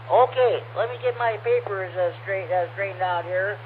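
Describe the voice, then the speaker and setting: A man heard over a slightly mistuned ham radio, his voice sitting high and squeezed into a thin, tinny band. He runs the net in a halting way, full of fillers and restarts. A faint hiss sits under him. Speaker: net control operator.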